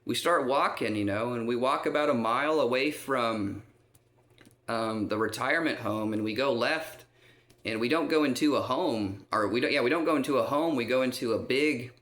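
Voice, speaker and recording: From a resident's room in a care home, a vlogger tells a long, wandering story about himself in a mid-range, fairly bright voice at a moderate pace. He keeps checking in with "okay?" and says "um" often, and the recording has an echoey, roomy quality.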